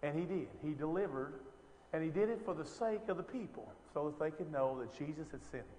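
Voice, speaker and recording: A man's voice: a little high, expressive, fairly quick, darkish tone, big-room sound, slight background noise. A man teaching an informal Bible lesson, talking conversationally with lots of fillers and rhetorical questions.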